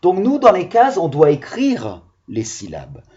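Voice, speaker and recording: A man's voice: on the high side, wildly swooping pitch, a little slow, dark tone, lo-fi sound. A male primary school teacher giving a video phonics lesson to young children, patiently sounding out syllables.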